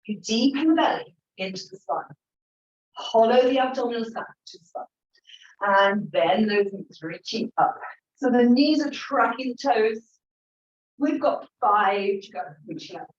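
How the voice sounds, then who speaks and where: A woman's voice: on the high side, expressive, measured pace. A woman teaching a Pilates class, encouraging the group as she counts reps and cues each breath. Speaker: Pilates instructor. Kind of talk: guiding an exercise class. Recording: roomy, slightly dull sound.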